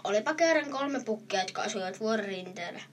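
A woman's voice: mid-range voice, expressive, far from the mic, slight background noise. A woman reading a fairy tale aloud in a plain storyteller's way, with small restarts.

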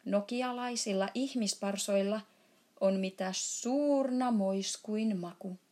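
A woman voices a big friendly giant in a storybook reading, lightly acted, rumbling and booming as he trips over his words. Muddled and good-natured, he jumbles his grammar and is prone to sudden booming shouts.

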